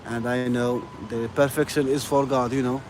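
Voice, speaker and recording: A man's voice: medium pitch, little pitch movement, moderate pace, a little mellow. Rambling man streaming outdoors. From Algeria. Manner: rambling, friendly, leans on "you know" and "bro". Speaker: live streamer. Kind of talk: casual live-stream chat. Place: outdoors on a city street, walking. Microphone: phone. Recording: outdoor street noise with passing traffic. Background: urban ambience and vehicles.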